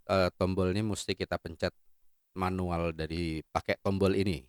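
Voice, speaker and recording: Playful male gear reviewer, slightly low voice, dry close sound. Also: steady tone, normal speed, clean tone, no echo. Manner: playful, joking, chatty. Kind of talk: casual product review.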